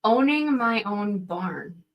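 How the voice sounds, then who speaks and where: A woman who owns a small business, chatting casually and teasing with quick remarks. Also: medium pitch, expressive, lo-fi sound. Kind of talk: casual chat.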